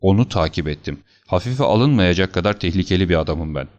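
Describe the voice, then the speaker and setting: A man voicing an old, huge, violent doctor who shouts angry threats in an audiobook. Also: low voice, lively intonation, fairly quick, muffled recording. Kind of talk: audiobook character reading.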